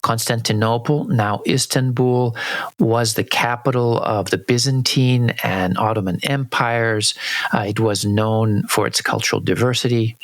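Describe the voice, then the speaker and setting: A man hosting a podcast, introducing guests and explaining ideas in a calm, explanatory way. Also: mid-range voice, unhurried, no room sound. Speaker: podcast host. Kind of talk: podcast conversation.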